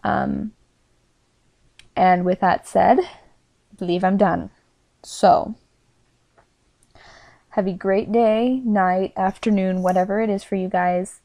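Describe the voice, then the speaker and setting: A woman giving a casual spoken review who talks quietly, hesitates often and keeps apologizing. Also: mid-range voice, fairly even intonation, slow pace, creaky, pauses often, no room sound. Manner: hesitant and apologetic, many fillers; speaking quietly. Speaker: character reviewer.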